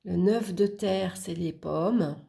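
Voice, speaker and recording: A woman with a low, gravelly voice talks slowly through a tarot deck. She names each card in an unhurried murmur and pauses now and then to look closer. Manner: unhurried, murmuring card names while flipping, with small hesitations; warm, admiring remarks about the artwork. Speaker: channel host presenting a tarot deck. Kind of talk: casual deck walkthrough.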